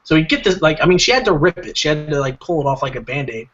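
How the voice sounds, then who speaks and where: A man's voice: on the high side, quick pace, husky, lo-fi sound. A man telling a long story on a casual comedy podcast, rambling with lots of fillers. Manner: rambling, filler-heavy, animated retelling. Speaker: podcast co-host.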